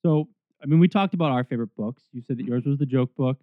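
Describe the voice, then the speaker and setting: A man's voice: medium pitch, quick pace, dry recording. Podcast co-host, man in his 30s, chatty storyteller, thin phone-line audio. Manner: chatty storyteller, animated asides. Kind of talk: casual nostalgic chat. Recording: dry, tinny phone-like sound.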